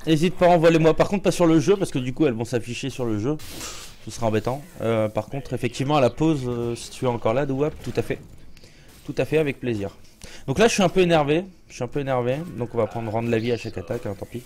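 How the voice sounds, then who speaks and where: A man's voice: medium pitch, quick pace, darkish tone, a little hiss or hum. Joking streamer man with a sore throat. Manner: joking, chatty, many restarts and fillers. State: slightly sore throat, clears throat. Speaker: game streamer. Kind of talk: casual live gameplay commentary.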